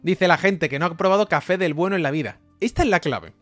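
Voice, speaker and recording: A young man with a Spain Spanish accent, streaming and reading his live chat in a joking, animated way, often laughing and repeating exclamations. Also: sits high, fast talker, no room sound, soft background music. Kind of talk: casual livestream chat.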